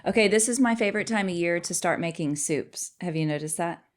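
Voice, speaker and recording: A woman's voice: on the low side, brisk. A middle-aged woman co-hosting a podcast, chatting casually with her husband, rambling and laughing often. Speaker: podcast co-host.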